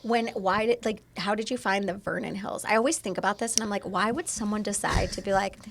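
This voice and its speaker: A woman's voice: mid-range voice, fairly quick, vocal fry, background noise. A woman co-hosting a casual podcast, rambling with lots of fillers. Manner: rambling, filler-heavy talk. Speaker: podcast co-host.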